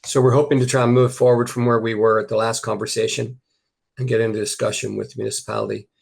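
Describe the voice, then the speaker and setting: Gravelly man on a choppy call. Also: mid-range voice, flat delivery, fast talker. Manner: earnest, with frequent hesitations. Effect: choppy internet call audio breaking up. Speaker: housing nonprofit representative. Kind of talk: remote presentation at a town board meeting. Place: joining remotely over an internet call.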